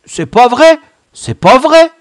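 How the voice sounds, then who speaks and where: A man reading a storybook who voices a frightened boy stammering shrill denials in a high, loud voice. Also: very animated, slow pace, dry recording, clean studio sound, full character voice. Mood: panicked.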